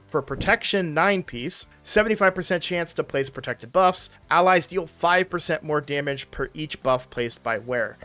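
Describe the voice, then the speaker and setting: A man's voice: medium pitch, fairly bright tone. Chatty man correcting himself as he goes. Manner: chatty, often corrects himself mid-sentence. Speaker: gaming channel host. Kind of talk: casual commentary video. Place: room in his home.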